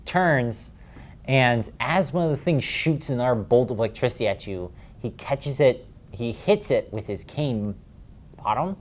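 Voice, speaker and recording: A man's voice: medium pitch, animated, unhurried. A man narrating a tabletop game as game master, describing scenes in a rambling way with many fillers.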